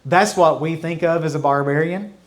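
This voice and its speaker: A man's voice: a little high, moderate pace. Conversational pastor man teaching Bible study. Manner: conversational, explains with repetition and asides; mimics mocking babble with fading repeats. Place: church.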